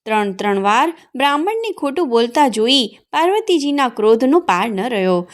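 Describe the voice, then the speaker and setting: A woman narrating a devotional fasting tale in a steady, recited storytelling manner. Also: a little high.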